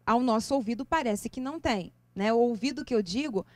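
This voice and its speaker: High-voiced woman giving a lively lecture. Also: a little fast, no echo. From Brazil. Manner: animated, asks the audience many questions; lively, expressive intonation with sudden leaps in pitch. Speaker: lecturer on music and spirituality. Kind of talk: seminar talk to a live audience. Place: lecture venue.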